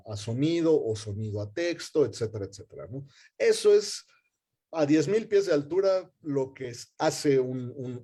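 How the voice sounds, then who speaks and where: A man's voice: medium pitch, mellow. A man in a webinar, explaining data science at length with many fillers and restarts.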